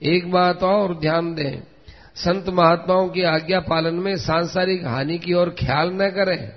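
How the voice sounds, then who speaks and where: A high-pitched man delivers an earnest devotional sermon, moving at a steady pace. The recording sounds dull and lo-fi, with a long reverb trailing his words. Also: measured pace. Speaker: religious preacher. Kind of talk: devotional discourse with a story.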